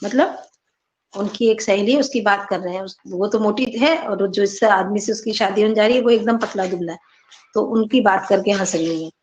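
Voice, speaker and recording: A woman's voice: medium pitch, normal speed, darkish tone, slight background noise. A woman teacher narrating a story and explaining its words to her class in a plain, conversational way.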